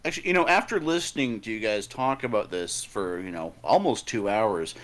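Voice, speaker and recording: A man's voice: lowish voice, expressive, fairly quick, fairly bright tone. A man on a discussion panel, teasing the host.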